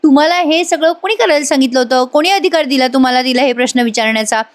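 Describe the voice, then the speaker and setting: A woman voicing a sharp-tongued young woman who scolds everyone, in an acted serial recap. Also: high-pitched, fast talker, voice pushed up, close to an everyday voice. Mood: indignant.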